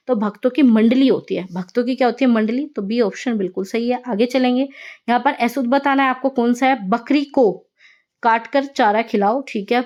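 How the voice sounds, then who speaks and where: A woman teaching an online exam-prep lesson, brisk and explanatory, checking in often with her students. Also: fairly high pitch, darkish tone, muffled recording.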